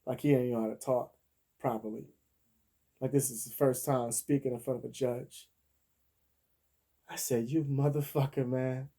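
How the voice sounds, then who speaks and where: A man in his thirties tells a story casually, swears a lot and laughs between lines. His voice is very dark and mellow, at a middle pitch. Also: fairly even intonation, moderate pace, vocal fry, pauses often. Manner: profane, laughs often, acts out the people he quotes. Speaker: vlogger.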